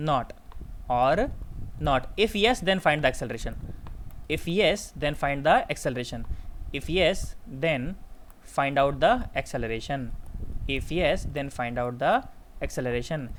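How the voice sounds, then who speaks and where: A man teaching physics to students, talking familiarly and emphatically, repeating key phrases. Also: high voice. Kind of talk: lecture to students.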